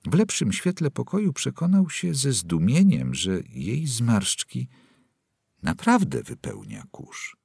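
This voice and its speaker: A man narrating a novel aloud in a dramatic, expressive reading. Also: mid-range voice, slow pace, gravelly, husky, no room sound, studio quality. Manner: dramatic, wide-ranging delivery. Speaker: audiobook narrator.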